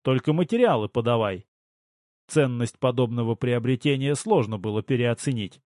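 A man reading a first-person novel aloud in a steady, even storytelling voice. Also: medium pitch, moderate pace, no room sound, clean studio sound. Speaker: audiobook narrator. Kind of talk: scripted first-person audiobook narration.

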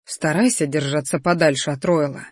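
A woman voicing a steady, serious young male student in a fantasy audiobook. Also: low voice, normal speed, husky, dry recording, studio quality, pitched below the performer's own voice.

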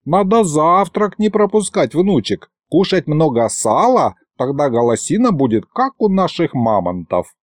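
A man voicing a cranky, loud old grandfather who scolds and teases in a folksy way. He sounds older and talks in a raised, hollering voice. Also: a little high, very animated, unhurried, hardly any pauses, dry recording, studio quality. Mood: scolding.

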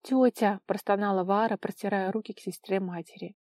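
A woman's voice: medium pitch, a little fast, no echo. Woman narrating an audiobook. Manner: expressive, dramatic storytelling. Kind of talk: audiobook reading.

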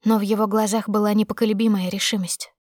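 A woman's voice: medium pitch, little pitch movement, quick pace, a little mellow, no room sound, clean studio sound. A woman narrating a dramatic first-person audiobook with tense, emotional storytelling.

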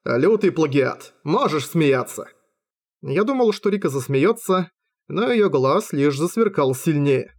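A man narrating an amateur audiobook in the first person, with an expressive, wry, self-mocking delivery. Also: fairly high pitch, unhurried.

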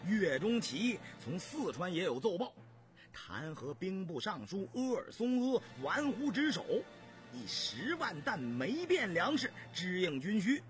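A man narrating a historical novel in a measured, vividly expressive storytelling style. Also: high-pitched, soft background music.

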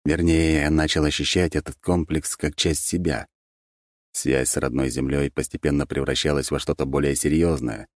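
Male audiobook narrator, measured and even, low voice, dry booth. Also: no room sound. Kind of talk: scripted narration.

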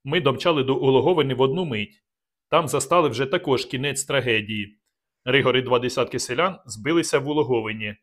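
A man reading a novel aloud in the first person, in a steady, measured way. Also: mid-range voice. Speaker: audiobook reader.

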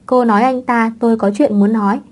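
A woman's voice: a little high, steady tone, fairly quick, darkish tone, natural voice. A woman voicing a playful, scheming young mother who talks breezily and teases, in an audiobook reading. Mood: breezy.

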